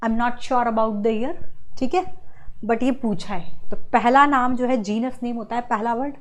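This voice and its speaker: Woman, biology teacher, slightly high voice, exam-prep lecture, calls students beta, repeats key lines. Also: fairly even intonation. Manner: mixes Hindi and English, repeats key lines slowly. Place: classroom studio at a screen.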